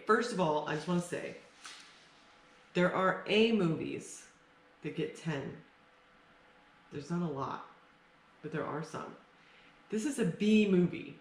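A tipsy woman in her thirties chatting casually and swearing freely as she co-hosts a film review, gushing and repeating herself for emphasis. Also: fairly low pitch. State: tipsy, a little drunk. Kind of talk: casual, sweary couple chat about films. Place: open living and dining room at home. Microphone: camera mic a little way off on the table. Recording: roomy, distant mic, some background noise.

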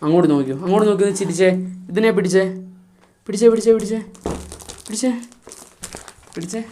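A man's voice: high-pitched, fairly quick, warm tone, slight background noise. A man filming himself playing with a toddler, using coaxing, repetitive baby talk full of sing-song questions.

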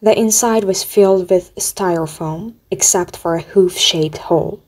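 A woman reading an audiobook aloud in a steady, measured storytelling manner. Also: fairly low pitch. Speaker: audiobook reader. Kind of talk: audiobook narration. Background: faint music.

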